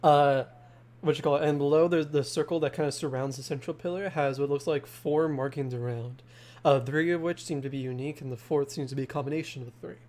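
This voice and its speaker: Halting man narrating as game master. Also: on the high side, steady tone, a little mellow. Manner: halting, descriptive, full of "uh" and "like".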